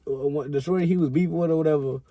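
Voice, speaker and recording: Mellow, slangy American man chatting. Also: fairly high pitch, steady tone, fast talker, no echo. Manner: slangy, agreeing, repeats "you know what I'm saying". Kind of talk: casual chat reacting to a video.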